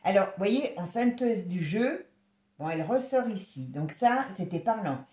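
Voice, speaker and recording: A woman giving a casual tarot reading, chatty and exclamatory, sometimes dropping to a soft murmur. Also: mid-range voice, lively intonation, echoey room. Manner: chatty, exclamatory, halting with restarts; drops to a soft murmur when concentrating. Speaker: tarot reader.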